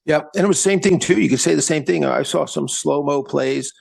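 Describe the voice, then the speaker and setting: A man's voice: on the high side, fairly quick, creaky, breathy edge, dry recording. A man co-hosting a casual sports podcast, talking bluntly and animatedly about his team's coaching. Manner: animated, blunt, swears freely. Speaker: co-host.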